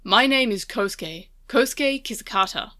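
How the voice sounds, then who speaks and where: A woman's voice: a little high, lively intonation, normal speed, sharp tone. A woman voicing a meticulous male team leader, steely but pained, speaking steadily. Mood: sombre.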